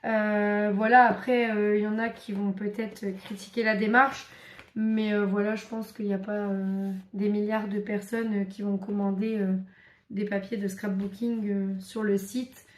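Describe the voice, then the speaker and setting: A woman's voice: mid-range voice, flat delivery, measured pace. Chatty woman in an echoey room. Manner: chatty, many fillers, enthusiastic. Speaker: crafts vlogger. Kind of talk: casual show-and-tell.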